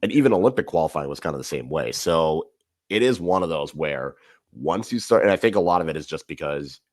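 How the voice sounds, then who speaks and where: This man has an extremely low voice and talks a little fast, recorded at studio quality with no room sound. As a podcast guest chatting casually about sports, he gives animated, rambling analysis and keeps correcting himself.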